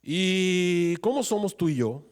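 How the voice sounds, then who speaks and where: A man preaching a sermon as pastor, swinging from raised pleading to soft, low asides. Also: lively intonation, takes it slowly. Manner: preaching with sudden rises into pleading, acted quotes of prayer.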